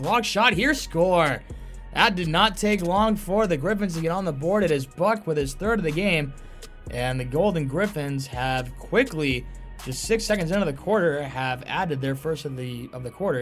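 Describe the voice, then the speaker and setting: Male play-by-play caller for lacrosse, highish voice, excited shouted goal calls, music behind. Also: normal speed. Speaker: play-by-play commentator. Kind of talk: live lacrosse play-by-play commentary.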